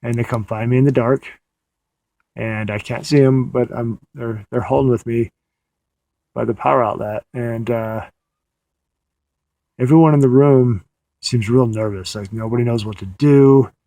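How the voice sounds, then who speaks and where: A man's voice: medium pitch, steady tone, unhurried, long pauses, dark tone, dry recording. Man musing hesitantly in a dry car. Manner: meandering, hesitant, with restarts. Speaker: audio diarist. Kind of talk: casual late-night dream recounting.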